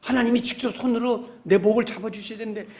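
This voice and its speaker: High-voiced man preaching a lively sermon. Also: fast talker. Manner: animated storytelling, swelling into emphatic exhortation. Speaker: pastor. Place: church sanctuary.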